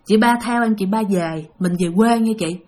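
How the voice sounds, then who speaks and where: Lady voicing a soft little prayer, pleading sister, quiet and hushed. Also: medium pitch, moderate pace, voice pushed down, natural voice. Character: worried younger sister praying to a ghost.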